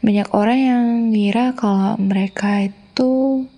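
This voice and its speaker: A woman with an Indonesian accent playing an affectionate, teasing wife in an ASMR role-play, intimate and soothing, soft and breathy as she coaxes a listener to sleep. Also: medium pitch, steady tone, measured pace, lightly acted. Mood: soft storytelling. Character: affectionate teasing young wife telling bedtime stories.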